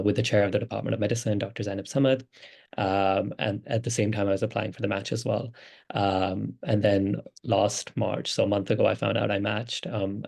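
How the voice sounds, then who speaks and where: Young male doctor, guest. Deep, gravelly, even tone; relaxed pauses. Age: 20s. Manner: unhurried, many "um" pauses. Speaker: guest, newly matched doctor. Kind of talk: casual conversational answers.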